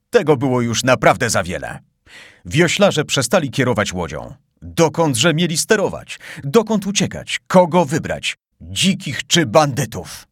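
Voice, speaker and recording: A man reading an adventure novel aloud as audiobook narrator, with an expressive, suspenseful delivery. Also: mid-range voice, husky, no room sound, clean studio sound.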